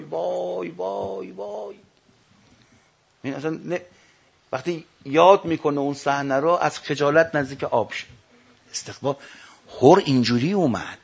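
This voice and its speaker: A man preaching a sermon, telling stories and quoting sayings, rising to loud emphatic lines and dropping to hushed quotes. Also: medium pitch. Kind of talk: religious sermon with storytelling. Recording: dull lo-fi recording.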